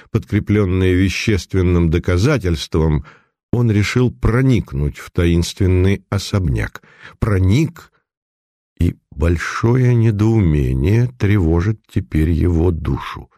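A man reading a novel aloud as an audiobook narrator, in a measured storytelling manner. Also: low-pitched, expressive, warm tone, no echo, clean studio sound. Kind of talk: scripted narration.

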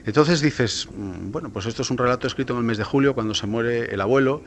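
Man, journalist guest, fry in the voice, low pitch, explanatory, faint noise. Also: fast talker. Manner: explanatory, retells stories with many fillers. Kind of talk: radio talk discussion.

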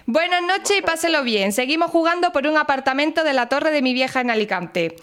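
A woman's voice: sits high, expressive, fairly quick, noisy background. A woman radio host running a comic quiz sketch, playful and teasing as a quizmaster.

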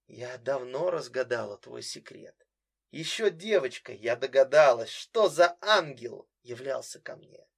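A man's voice: medium pitch, expressive, unhurried, gravelly, a bit bright, husky, exaggerated voice. A man voicing a bitter, mocking young woman who coldly accuses her brother in an audiobook.

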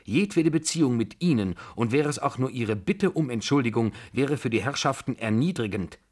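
A man's voice: mid-range voice, big pitch swings, moderate pace, pitched above the performer's own voice. A man voicing a stern, pompous older general who speaks sharply and formally in a radio drama reading. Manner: indignant, sharp, stiffly formal.

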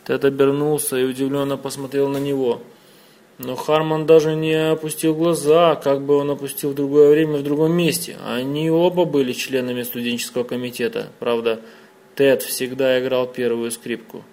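A man reading a novel aloud as an audiobook narrator, steady and measured. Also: medium pitch.

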